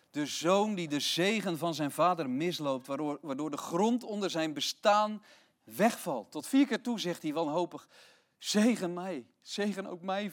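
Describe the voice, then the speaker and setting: A man preaching a sermon in a fairly high voice. He retells a Bible story with expressive, emphatic storytelling and leans hard on his key words.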